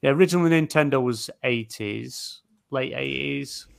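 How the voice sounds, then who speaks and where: A man's voice: mid-range voice, a little slow, vocal fry, clean tone. A man co-hosting a podcast, thinking aloud with lots of fillers and restarts. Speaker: podcast co-host. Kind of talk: casual chat.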